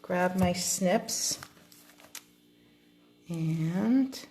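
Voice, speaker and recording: A woman's voice: fairly low pitch, animated, extremely slow, mellow, slight background noise. A woman hosting a card-making tutorial, chatting casually through an unboxing and thinking aloud with frequent ums.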